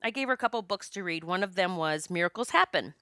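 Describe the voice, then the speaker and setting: Talking fast and animatedly, the woman, a past life regression practitioner in her fifties, has a lowish, bright, forceful voice captured in clean studio sound with no echo. Her casual spiritual monologue is chatty and full of jokes and stories with quoted dialogue.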